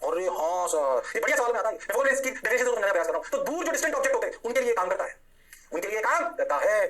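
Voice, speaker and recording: A man teaching a physics lecture, energetic and coaxing, constantly firing rhetorical questions at his students. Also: very high voice, racing. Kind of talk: classroom lecture.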